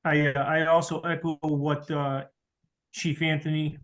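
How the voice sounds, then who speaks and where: A man calling in to a public meeting, his halting words breaking up over choppy call audio that cuts in and out. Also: a little high, little pitch movement, fairly bright tone. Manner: halting, repeats himself while the line breaks up. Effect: choppy glitching call audio cutting in and out. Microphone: remote video or phone call. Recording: distant warbling call audio.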